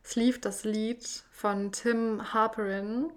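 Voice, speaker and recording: Flat-voiced woman telling a personal story. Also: a little high. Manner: reflective, measured, with frequent pauses.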